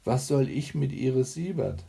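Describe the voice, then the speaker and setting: A brusque woman of 45 speaks with dry mockery and clipped impatience, voiced by a man reading an audiobook. The pitch is raised a little above his own dark, gravelly voice, and the delivery turns quick and sharp. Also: expressive. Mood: sardonic. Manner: mocking, curt. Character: sardonic 45-year-old secretary woman, brusque.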